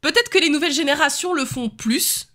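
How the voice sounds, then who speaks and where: A woman in her thirties from Lorraine with a Lorraine French accent, co-hosting a podcast in casual chat and telling stories in a lively, animated way. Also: high-pitched, fairly quick. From Lorraine, France. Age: 30s. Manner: lively, animated storyteller who laughs often. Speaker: podcast co-host.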